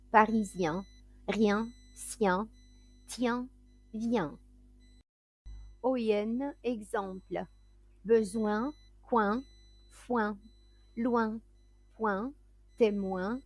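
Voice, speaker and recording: Slow, carefully enunciating woman teacher. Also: medium pitch, darkish tone, no echo. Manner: careful, clearly enunciated dictation. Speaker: French pronunciation teacher. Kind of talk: slow, deliberate word-list reading.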